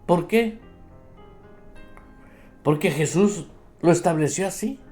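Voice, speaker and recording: Slow, emphatic preaching pastor. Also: male voice, a little high, darkish tone, faint music behind. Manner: emphatic preaching, acts out believers' complaints; addresses listeners directly as brother. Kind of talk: radio sermon.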